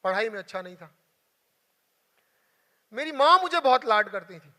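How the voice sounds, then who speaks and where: Young male motivational speaker, very high bright voice, earnest and emotional, long hall reverb. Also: animated, normal speed. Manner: emotional, earnest, repeats for emphasis. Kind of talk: motivational storytelling talk.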